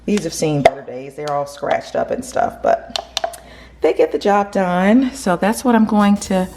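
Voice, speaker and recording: A woman's voice: lowish voice, a little slow, very noisy. A woman vlogging casually from her home kitchen in a groggy early-morning voice, chatting and rambling with fillers. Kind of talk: casual chat to camera.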